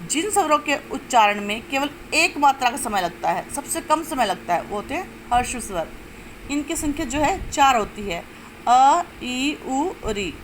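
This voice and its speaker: A woman teaching a grammar lesson step by step, asking questions and answering them herself, and drawing out sounds slowly to show them. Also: high voice, very animated, a little hiss or hum, low-quality recording. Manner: explains step by step, asks and answers own questions. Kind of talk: classroom-style lesson.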